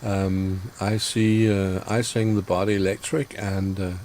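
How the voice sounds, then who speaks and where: A man's voice: deep voice, little pitch movement, a little slow, a little mellow, a little hiss or hum. A man hosting a casual online stream, hesitant and full of fillers. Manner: hesitant, many fillers, chuckling. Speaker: host.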